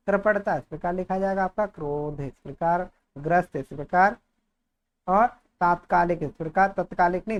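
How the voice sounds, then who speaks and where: A man teaching a grammar lesson for exam preparation, saying each word more than once in a dictating way. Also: high-pitched. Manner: repeats each word, dictating-style explanation.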